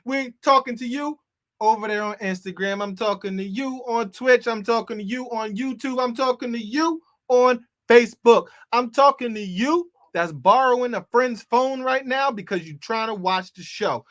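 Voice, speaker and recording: A man's voice: very high-pitched, moderate pace, fairly bright tone. A man hosting a live comedy show, hyped and loose, talking straight to his audience and viewers. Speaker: host.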